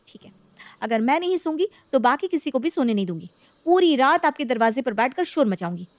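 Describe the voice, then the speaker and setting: A woman's voice: sits high, sing-song, a little fast, dry recording. A woman voicing a stubborn, defiant young daughter-in-law who complains indignantly.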